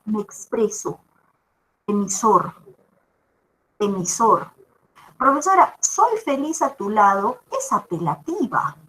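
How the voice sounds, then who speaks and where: A woman's voice: on the high side, a bit bright, poor audio. A woman teacher gives a virtual class lecture, explaining with examples and often checking in with the students. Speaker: language teacher.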